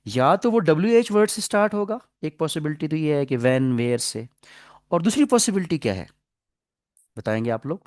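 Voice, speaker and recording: A male teacher gives a grammar lecture, his pitch rising and falling in a lively, animated way. He slows down to read English example sentences and keeps quizzing the class. The recording is close and dry, with no room sound. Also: no room sound. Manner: explains slowly, reads English example sentences slowly; asks the class questions and repeats answers.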